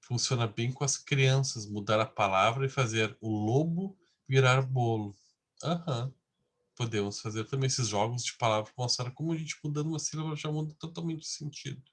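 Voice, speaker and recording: A man's voice: medium pitch, normal speed. Male lecturer, conversational class delivery with constant tag questions.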